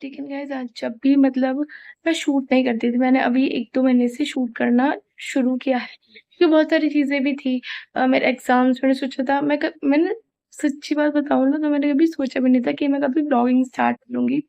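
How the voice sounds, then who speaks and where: A woman's voice: high voice, level tone, fairly quick, gravelly, mellow, highs cut off. A young woman chatting casually in a home vlog, rambling and apologetic, with a sore throat. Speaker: vlogger. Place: family home, indoors.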